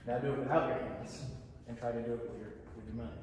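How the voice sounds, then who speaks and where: A man leading a choir rehearsal warm-up as vocal coach, explaining resonance and breaking into short sung vowel sounds. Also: mid-range voice, fairly even intonation, fast, a little hiss or hum. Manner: demonstrates sung vowel sounds between instructions. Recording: echoey hall heard from far off.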